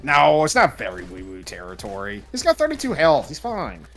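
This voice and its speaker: A man's voice: fairly high pitch, wildly swooping pitch, moderate pace, a bit bright. A man co-hosting a game stream, playful and teasing, jumping into silly voices. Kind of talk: casual gameplay chat.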